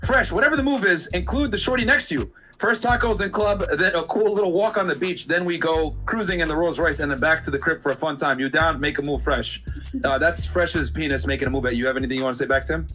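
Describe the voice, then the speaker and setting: Quick bright-voiced podcast host. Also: male voice, on the high side, faint music behind. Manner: quick interviewer questions, joking. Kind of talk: casual panel podcast talk.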